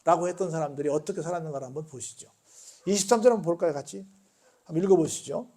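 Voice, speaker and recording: A man preaching a sermon in a church in a folksy, conversational way, often asking the congregation questions. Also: fairly high pitch. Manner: lively preaching with many rhetorical questions to the congregation. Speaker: pastor. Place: church sanctuary.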